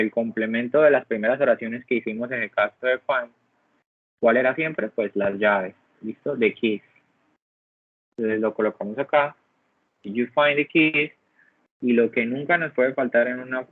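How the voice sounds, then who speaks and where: A man's voice: mid-range voice, no room sound. A man teaching an English grammar lesson online, patiently explaining step by step and often checking in with the class. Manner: patient, keeps asking "¿listo?". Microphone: video call. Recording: dry, phone-like online call audio.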